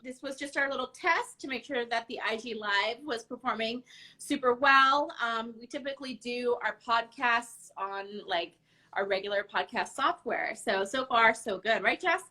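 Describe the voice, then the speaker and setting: A woman with a fairly high and strikingly bright voice hosts a live stream. She talks casually and without a script, as a podcast host addressing followers informally. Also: normal speed.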